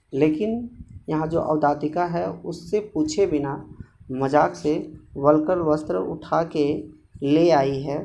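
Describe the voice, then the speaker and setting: A man reads lines from a Sanskrit drama aloud and explains them in everyday Hindi, stopping and restarting often. His voice is dark and mellow. A faint hiss with small clicks sits behind it. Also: a little high. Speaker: Sanskrit teacher. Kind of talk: explaining a Sanskrit play line by line.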